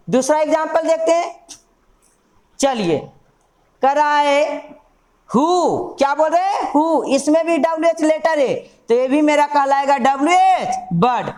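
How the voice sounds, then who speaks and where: A woman teacher explains grammar in a high, unhurried voice. She repeats each key word and quizzes the class before giving the answer herself. The sound is roomy, with a clear echo around her. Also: darkish tone. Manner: slow, drawn-out spelling of examples. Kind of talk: classroom lesson.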